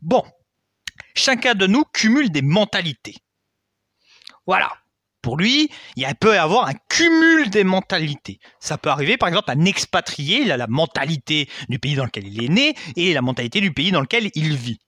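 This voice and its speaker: Young male history host, high animated voice, conversational lesson delivery, dry close sound. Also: normal speed, dry recording. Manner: chatty, frequent "hein" and asides. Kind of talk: casual educational explainer.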